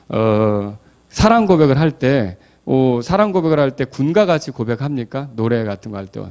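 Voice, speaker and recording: A man's voice: medium pitch, a little mellow. A man teaching a Bible study lesson as a pastor, explaining patiently, questioning the class and adding folksy asides. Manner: explanatory, asks the class questions, claps out rhythms.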